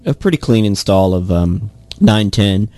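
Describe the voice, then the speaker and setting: Dry, low-voiced young man. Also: animated, a little slow, dark tone, no room sound. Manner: dry, hesitant, restarts with "uh". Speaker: podcast co-host. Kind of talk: casual tech news chat.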